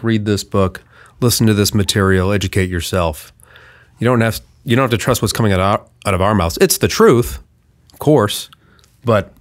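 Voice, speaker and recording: A middle-aged man talking animatedly as a guest on a casual podcast, at a boom mic in a small office studio. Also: no echo. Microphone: desk podcast mic on boom arm.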